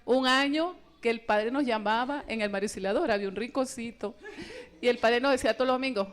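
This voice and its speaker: Woman, high voice, retreat testimony, lively storytelling. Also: fast. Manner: animated storytelling, acting out quoted voices. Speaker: retreat speaker. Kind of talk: personal testimony in a retreat talk.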